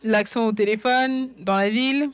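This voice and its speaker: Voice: mid-range voice, moderate pace, a bit bright, clean tone, no room sound. Dry-voiced preacher in a dubbed sermon. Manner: frequent check-in questions to listeners; repeats and restates points. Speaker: preacher's French voice-over.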